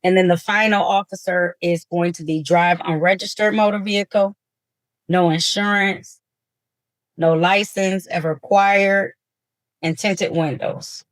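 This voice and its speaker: A judge presiding over a hearing, heard on a courtroom recording with a dry, close sound and no room echo. The delivery is formal and procedural, often pausing on an um. The pitch sits at a middle level. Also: fairly even intonation. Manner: formal and procedural with frequent ums.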